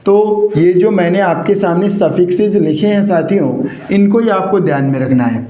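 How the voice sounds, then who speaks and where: A man's voice: high-pitched, moderate pace, mellow. Man, teacher, grammar lecture, asks and answers his own questions, roomy echo, muffled lo-fi audio. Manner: asks questions and answers them himself, repeating key points. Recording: echoey, dull lo-fi room sound.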